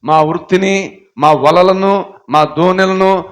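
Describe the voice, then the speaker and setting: A man preaching a sermon, dropping to low murmurs and rising to shouted appeals, with strings of repeated rhetorical questions. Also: takes it slowly.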